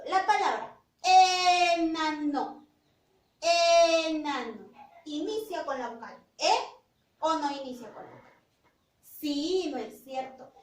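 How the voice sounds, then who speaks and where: A woman teacher giving a phonics lesson to young children, drawing out words slowly and praising in a sing-song way. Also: sits high. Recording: roomy echo, voice from a distance.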